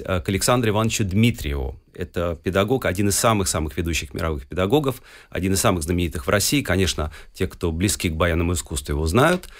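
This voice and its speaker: A man in his forties from Russia talks through his life in a relaxed interview, his voice sitting a little low. He wanders through the story with small hesitations and filler sounds. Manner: discursive, with frequent hesitations. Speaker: guest musician.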